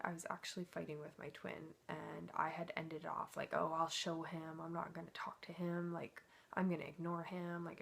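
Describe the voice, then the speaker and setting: Brief: young female vlogger, low-pitched and raspy, earnest and rambling. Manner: earnest, rambling, heavy use of "like". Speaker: spiritual healer vlogger. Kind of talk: casual personal storytelling.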